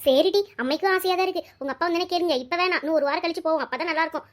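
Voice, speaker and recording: Woman doing a cartoon mom, very high squeaky voice, quick talker, exasperated, scolding. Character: harried mother of squabbling girls, scolding. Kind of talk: cartoon voice acting.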